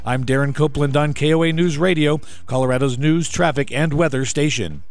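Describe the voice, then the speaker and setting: A man's voice: on the high side, fairly quick. A man giving a conversational traffic report on the radio.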